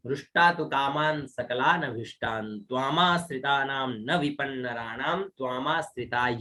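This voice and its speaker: A man teaching Sanskrit verse recitation online, spelling out each syllable slowly and checking "है ना?" after each point. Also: fairly high pitch, pushed and bright. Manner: slow, syllable-by-syllable pronunciation drills, checks with "है ना?".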